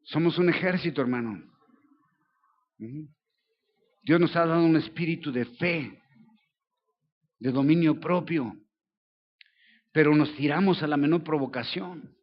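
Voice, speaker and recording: Mexican preacher man, slightly high voice. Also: unhurried, pauses often, lo-fi sound. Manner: conversational, often checking in with the listeners. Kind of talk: sermon. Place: church service.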